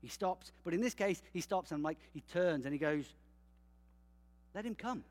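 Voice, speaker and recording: Preacher, male, higher voice, lively conversational sermon, long hall reverb. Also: brisk. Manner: conversational, animated, frequent "okay?" check-ins.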